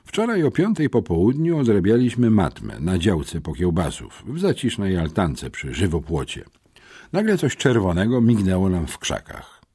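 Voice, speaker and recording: A man narrating an audiobook for young readers in a lively, expressive storytelling manner. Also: low-pitched, normal speed, breathy edge. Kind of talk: scripted narration.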